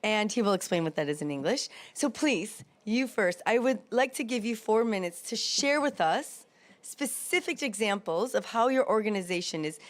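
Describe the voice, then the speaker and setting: Lady running the panel, polite, normal pitch, calls up the next speaker. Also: animated, moderate pace. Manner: polite, thanks and introduces speakers. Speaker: moderator. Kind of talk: panel moderation.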